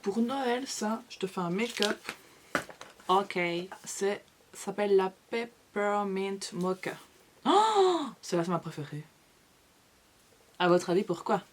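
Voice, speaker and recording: A woman's voice: mid-range voice, fairly even intonation, a little slow, long pauses, slight background noise. A young woman vlogger in a casual haul video, chatty and gushing, with playful asides to her viewers. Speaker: beauty vlogger.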